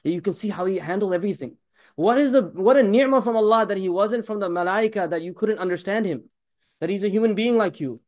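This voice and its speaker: A male religious teacher gives a talk at a breakneck pace. His voice sits high, and he presses his points with rhetorical questions and repeated blessings. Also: a little mellow. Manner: rapid, emphatic preaching with blessings on the Prophet woven in.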